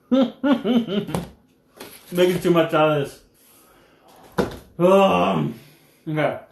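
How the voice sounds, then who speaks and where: A young man with a slightly high voice chats loosely on a live stream, rambling from point to point with animated energy. He sometimes talks through a mouthful of food. The sound bounces around an echoey room. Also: very slow, creaky, slight background noise. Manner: rambling, animated, eating while talking. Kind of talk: casual live-stream chat.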